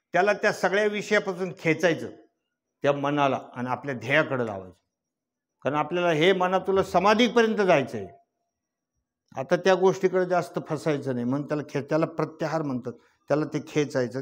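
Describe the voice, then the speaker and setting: An older man giving a devotional kirtan sermon, teaching in a folksy way, asking rhetorical questions and rising into chanted verse. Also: fairly high pitch. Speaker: kirtan preacher.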